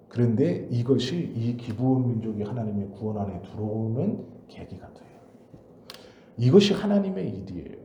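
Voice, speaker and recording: A man's voice: medium pitch, warm tone, slight background noise. A man preaching a sermon as pastor, emphatic and asking rhetorical questions. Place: church sanctuary. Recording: roomy church recording.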